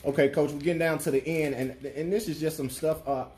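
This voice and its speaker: A man's voice: on the high side, steady tone, fairly quick, a little mellow, a little hiss or hum. A man conducting a sports interview, putting questions to his guest.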